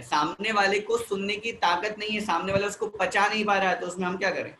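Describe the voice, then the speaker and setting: A man's voice: a little high, a bit bright, reverberant, slight background noise, low-quality recording. A man giving a spiritual discourse to an audience, explaining by repeating phrases and asking rhetorical questions. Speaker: Jain religious teacher.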